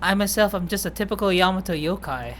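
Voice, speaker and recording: A woman playing a petite young male yokai in a game read-through, timid and gentle. He speaks in a shy, halting way at a middling pitch. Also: a little hiss or hum, lightly acted. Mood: hesitant.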